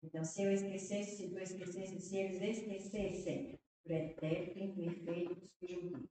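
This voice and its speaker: A Brazilian woman teacher works through exam questions aloud in a lowish, steady, mellow voice at a moderate pace, repeating words and checking in with "né?" and "tá vendo?". The room is echoey, she's far from the mic, and there's a slight hiss or hum.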